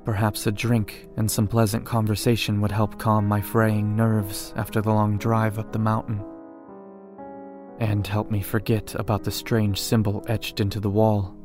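A man giving a measured first-person scripted horror narration. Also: on the low side.

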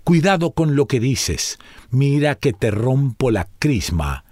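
A man's voice: mid-range voice, big pitch swings, slow pace, darkish tone, dry recording, studio quality. A man reading aloud and voicing cruel armed soldiers who bark scornful orders. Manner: barking, scornful commands.

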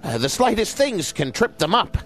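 A man playing a miserly, bullying radio station boss in an audio drama, haughty, fussy and sharp in manner. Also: high-pitched, very animated, moderate pace, soft background music. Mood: startled, flustered.

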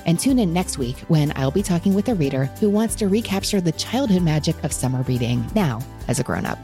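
A woman hosts a book podcast, chatting warmly with guests, speaking to her listeners, and signing off. Her lowish voice is mellow and expressive, her pace a little fast, with soft music playing behind her.

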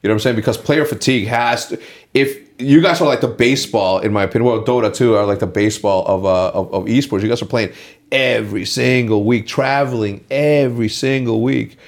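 A man's voice: medium pitch, brisk. A man in his late thirties hosting a casual sit-down chat, rambling and opinionated with lots of filler words. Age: late 30s. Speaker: podcast host.

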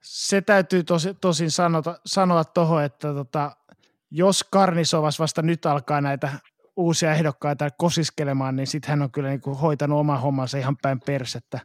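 A man's voice: a little high, fairly even intonation, no room sound, studio quality. A man co-hosting a casual sports podcast, blunt and prone to stammering restarts. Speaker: podcast co-host.

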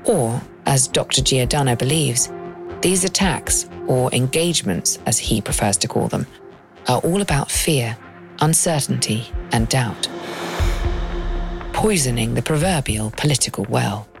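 A woman reading scripted documentary narration as the host, in a measured, explanatory way. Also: extremely low pitch, expressive, vocal fry. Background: music.

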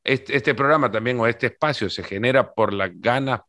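A man's voice: medium pitch, normal speed, fairly bright tone, no room sound, clean studio sound. A man hosting a podcast interview who opens with a scripted introduction and then chats casually, often restarting his phrases. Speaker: podcast host.

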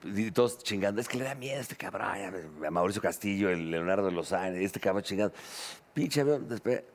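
Fast-talking Mexican man, swearing. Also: fairly low pitch, animated, a little hiss or hum. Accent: Mexican Spanish. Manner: profane, rapid storyteller. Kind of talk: casual chat.

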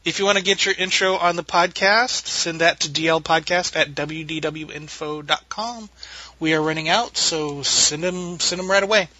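Man, podcast host, very bright forceful tone, slightly husky, casual roundtable chat. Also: a little high, steady tone, normal speed, no echo, highs cut off.

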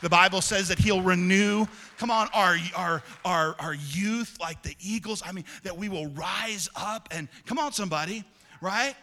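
A pastor in his forties preaches a sermon with call-and-response asides, swinging between loud urging and soft speech. His voice is high-pitched and his pace moderate.

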